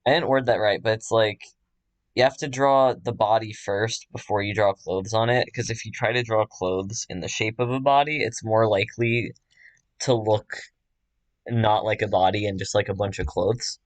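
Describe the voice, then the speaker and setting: Casual male artist host, low-pitched, jokey and self-deprecating. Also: steady tone, normal speed, dry recording. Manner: joking, self-mocking, laughs often. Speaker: artist drawing on a stream. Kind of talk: casual chat while drawing.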